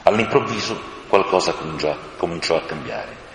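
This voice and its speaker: A man narrating a storybook, expressive and varied in his telling. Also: low voice, normal speed, a crowd in the background. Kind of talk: storybook reading. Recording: echoey room with long reverb.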